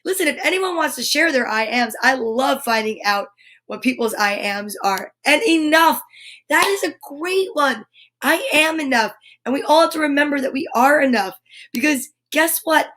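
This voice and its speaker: A woman's voice: high-pitched, lively intonation, normal speed, fairly bright tone. A middle-aged woman hosting a live story time, talking in an upbeat, encouraging way about positive affirmations. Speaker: children's story time host. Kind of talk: live-streamed casual pep talk.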